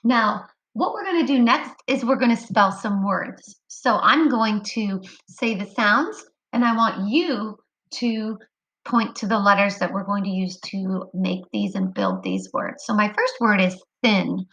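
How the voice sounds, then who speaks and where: A woman teaching a kindergarten phonics lesson online, speaking clearly and encouragingly to young children. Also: medium pitch, expressive, a little slow, fairly bright tone, low-quality recording.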